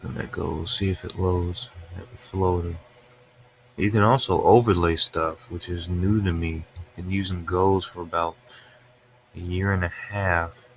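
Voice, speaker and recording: A man's voice: low-pitched, fairly even intonation, measured pace, a little hiss or hum. A man giving casual, unscripted weather commentary over a webcam from an upstairs room at home, talking through his screen as he goes. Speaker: weather livestreamer.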